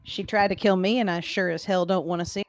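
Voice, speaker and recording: A woman playing a tabletop game over an online call, speaking calmly and earnestly in character while her voice cuts in and out. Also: lowish voice, fast talker, soft background music. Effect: voice cutting in and out on a call connection.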